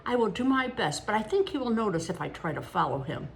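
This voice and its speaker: A woman's voice: medium pitch, sing-song, fast, gravelly, a little hiss or hum, voice pushed up. A woman in her older years reading aloud as an earnest, solemn young boy.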